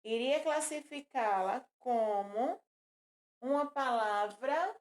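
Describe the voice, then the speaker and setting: A woman's voice: on the high side, animated, slow. A woman teaching a children's lesson, patiently repeating words and counting syllables aloud. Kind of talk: recorded classroom lesson for children.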